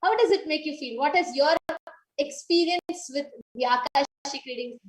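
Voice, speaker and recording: High-pitched woman host asking questions, echoey room sound. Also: normal speed, slight background noise. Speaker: interviewer. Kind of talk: friendly interview questions.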